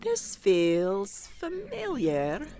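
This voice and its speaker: A woman's voice: medium pitch, huge pitch swings, drawn-out words, dark tone, heavily acted. A woman playing a folksy, faintly menacing Minnesotan in a comedic audio drama. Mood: wary.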